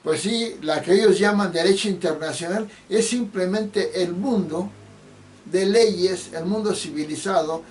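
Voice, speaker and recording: Guy ranting about politics, pretty high voice, sounds kinda far from the mic. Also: unhurried. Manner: indignant, accusatory, with frequent restarts. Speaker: political commentator. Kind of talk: solo political rant. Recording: distant mic with faint background noise.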